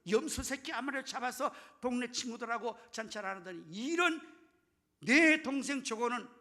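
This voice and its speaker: Pastor doing a whiny angry elder son, loud and high and raspy, griping at his dad. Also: moderate pace, heavily acted. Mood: indignant. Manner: loud, high-pitched complaining outburst. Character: resentful adult elder son, indignant and aggrieved.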